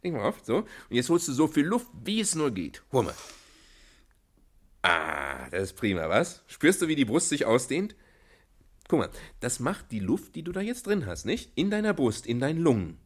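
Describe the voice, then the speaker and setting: An actor playing a good-humored father in a children's radio play, patient and gently teasing, often chuckling as he explains things to his little girl. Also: medium pitch, huge pitch swings, moderate pace. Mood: patient teaching.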